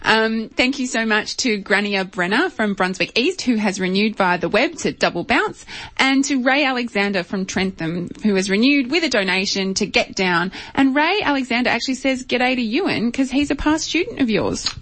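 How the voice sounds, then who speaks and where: A woman co-hosting a science radio show, explaining things casually with a halting delivery. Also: on the high side, animated, fairly bright tone, no room sound. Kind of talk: casual live radio chat.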